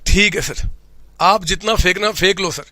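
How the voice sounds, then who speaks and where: A man voicing a cheeky, doubtful young student who answers his teacher with quick, deferential "sir" replies. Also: high-pitched, bright, forceful tone, no room sound. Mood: teasing.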